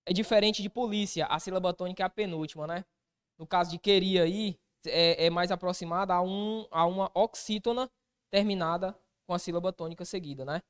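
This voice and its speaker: A man teaching an exam-prep grammar lesson, asking himself questions as a student and answering them in casual slang. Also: sits high.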